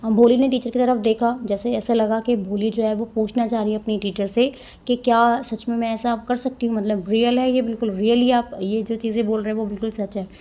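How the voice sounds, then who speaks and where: An English teacher with a high, mellow, steady voice explains a textbook chapter, reading passages aloud. She reads the English lines slowly, then explains them in a mix of Hindi and English, using frequent tag questions.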